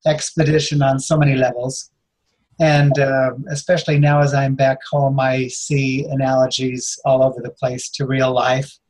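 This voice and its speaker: A man's voice: medium pitch, darkish tone, breathy edge, poor audio. A man sharing a personal story in a reflective, meandering way, with frequent chuckles. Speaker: guest speaker.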